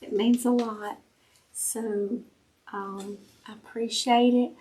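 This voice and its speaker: A woman with a Southern US accent and a husky voice, chatting casually and appreciatively as a craft vlogger while opening a present, in a halting way. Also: on the high side, fairly even intonation, darkish tone. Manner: slow, halting, appreciative gift-opening talk.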